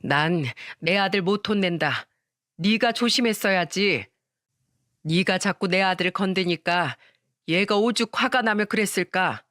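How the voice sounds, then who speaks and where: A woman's voice: medium pitch, a bit bright, no echo, clean studio sound, lightly acted. A woman voicing a harsh middle-aged mother who coldly scolds her daughter and dotes on her son. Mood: cold scolding. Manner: slow, scolding, threatening.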